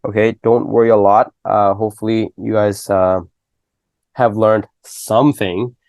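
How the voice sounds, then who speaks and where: A man's voice: fairly low pitch, level tone, unhurried, creaky, a little mellow, dry recording. A man in his twenties giving a casual, loose coding lesson, checking in often with "okay?" and "right?". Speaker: programming tutor.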